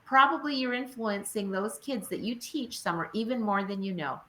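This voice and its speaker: A woman with a bright, forceful voice hosts the interview. She is an experienced music teacher who encourages her guest effusively. Her voice sounds echoey, as if recorded in a roomy space. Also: mid-range voice, normal speed. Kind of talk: casual video interview. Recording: roomy echo.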